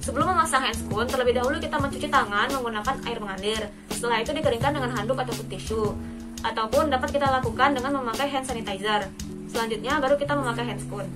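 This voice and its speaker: A young woman with a fairly high voice speaks fast over loud background music, a student demonstrating a dental radiography procedure. She gives scripted, step-by-step instructional narration along with a scripted explanation for the patient.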